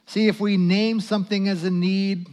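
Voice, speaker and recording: A male pastor preaching a sermon, swinging from loud emphatic lines to hushed prayerful asides. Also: high-pitched, flat delivery, moderate pace.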